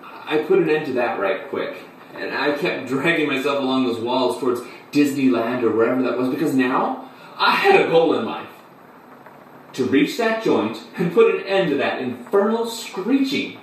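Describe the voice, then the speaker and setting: An actor playing a flamboyant man who tells his story in a halting, breathless theatrical monologue. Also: medium pitch, animated, natural voice. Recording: echoey room, distant mic, faint hum.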